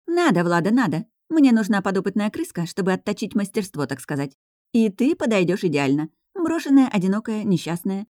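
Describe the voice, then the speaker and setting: A woman reading aloud, voicing a loud, pushy young woman who teases her friends. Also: mid-range voice, sing-song, fairly quick, dry recording, studio quality, pitched above the performer's own voice, close to an everyday voice. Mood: bossy. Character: brash bossy young woman, scheming friend.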